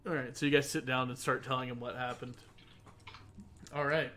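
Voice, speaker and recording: A man narrating a tabletop role-playing game as game master, relaxed and dotted with fillers. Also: mid-range voice, fairly quick, slight background noise. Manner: relaxed narration with fillers, occasionally loud bursts.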